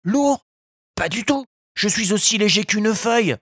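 A woman voicing a big, kindly, talkative pigeon in a storybook reading, with high, chatty calls. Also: animated, a little slow, breathy edge. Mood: friendly.

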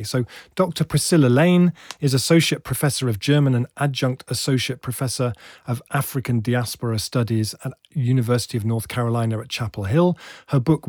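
Husky-voiced enthusiastic male podcast host. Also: mid-range voice, a little mellow, no echo, studio quality. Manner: enthusiastic, playful asides. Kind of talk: scripted podcast introduction.

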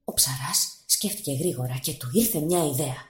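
A woman narrating a fairy tale for radio in an animated storytelling manner. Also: deep voice. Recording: roomy studio echo.

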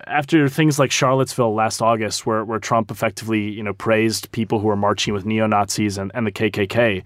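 American male commentator, conversational and explanatory, middle-pitched, recorded dry. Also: no room sound. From United States. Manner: thoughtful, explanatory. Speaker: panel guest, political commentator. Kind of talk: conversational political analysis.

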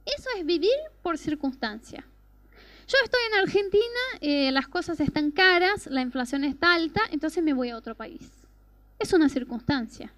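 Woman preacher, high voice, earnest testimony style with rhetorical questions, dry close recording. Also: expressive, normal speed, fairly bright tone, no echo. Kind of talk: personal testimony sermon.

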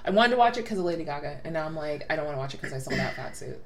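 A woman co-hosting a casual podcast chat, chatty and quick to laugh, trailing off with fillers. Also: deep voice, expressive, slight background noise. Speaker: podcast co-host.

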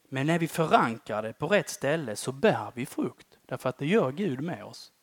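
Guy preaching a sermon, super lively up and down voice, loud then quiet, keeps saying va?, dry sound. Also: on the high side, no echo. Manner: conversational, often ends phrases with a questioning "va?"; dynamic, swings between loud emphatic lines and quiet dropped-off endings.

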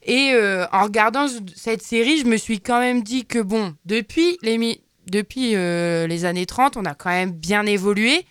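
A woman presenting a TV series review on a radio show, hesitant and filling pauses with many fillers. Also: mid-range voice, smooth, no echo, studio quality.

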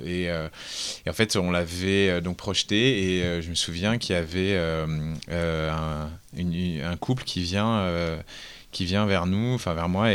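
A low-voiced man recounting a story in a relaxed interview. He talks in a loose, rambling way, full of fillers. When he quotes people, he jumps up loudly and animatedly. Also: clear, resonant tone. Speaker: film director. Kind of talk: casual interview anecdote.

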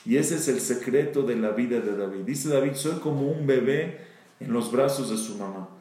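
A man, a rabbi telling a story in his sermon who reads Hebrew verses slowly and then translates them, his voice climbing sharply in pitch and volume to stress his points. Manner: animated, rising sharply in pitch and volume for emphasis. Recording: very echoey room.

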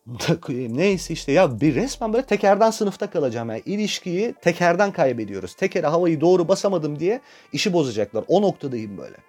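A man's voice: on the high side, very animated, brisk, darkish tone. A young man hosting a podcast, telling a comic personal story in a crude, self-mocking way and swearing freely. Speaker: podcast host.

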